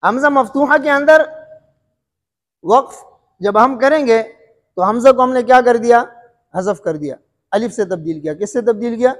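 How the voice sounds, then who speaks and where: Man, high voice, recitation teacher, asks and answers his own questions, long hall reverb. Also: expressive, moderate pace, long pauses, a bit bright. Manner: repeats questions and answers them himself, checks if students follow. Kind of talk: classroom lesson.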